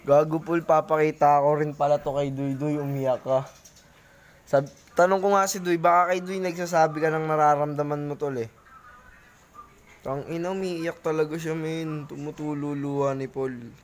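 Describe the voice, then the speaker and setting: A woman's voice: deep voice, fairly even intonation, moderate pace, a little hiss or hum. A woman vlogging casually among friends, teasing and badgering with repeated questions and crude swearing. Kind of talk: casual group vlog banter.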